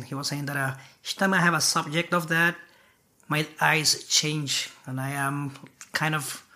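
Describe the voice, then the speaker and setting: A man from Colombia speaks English with a Spanish accent, his voice a bit high and bright. He tells his story as an interview guest, unhurried and hesitant, often pausing on fillers.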